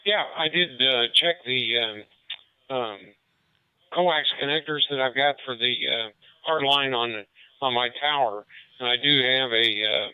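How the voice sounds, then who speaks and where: A man checking in on a ham radio net, halting and hesitant with many filler words, heard over a radio link. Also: mid-range voice, clean tone, no room sound, lo-fi sound. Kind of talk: casual radio net chat.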